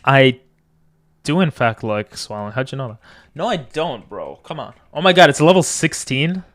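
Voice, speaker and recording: A man's voice: medium pitch, animated, normal speed, fairly bright tone. A man streaming a video game, chatting casually and drifting between asides as he talks to viewers. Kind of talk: casual livestream gaming chat.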